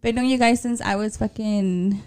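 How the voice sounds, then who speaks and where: A woman in her late 20s, about to turn thirty, co-hosts a casual podcast chat in a Mexican American accent. Her medium-pitched voice is steady and a little mellow at normal speed. She swears freely, laughs often and slips into Spanish.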